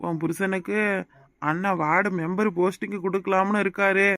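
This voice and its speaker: A man's voice: high-pitched, steady tone, normal speed, fairly bright tone, no echo, clean studio sound. A man voicing a patronizing middle-aged party fixer in a cartoon, with a southern Tamil Nadu rural accent. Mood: persuading. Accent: southern Tamil Nadu rural dialect. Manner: patronizing, persuasive. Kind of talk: cartoon voice acting.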